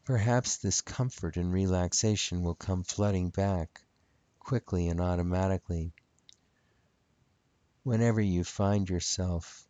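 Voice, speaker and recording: A man speaking as a hypnotist, leading a guided relaxation in soothing, repetitive, measured phrases. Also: low voice, warm tone, no room sound, muffled recording.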